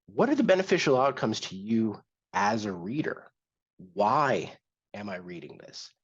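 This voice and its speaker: Hosting a screen-share workshop, this man explains things step by step, conversationally and with occasional restarts. His mid-range voice is very animated and unhurried, with vocal fry and a breathy edge, all captured in dull lo-fi audio.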